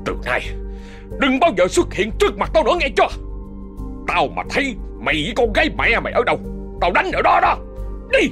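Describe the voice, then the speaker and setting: A man voicing a furious old uncle who shouts curses. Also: very high-pitched, wildly swooping pitch, brisk, long pauses, faint music behind, voice pushed up, full character voice. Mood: raging.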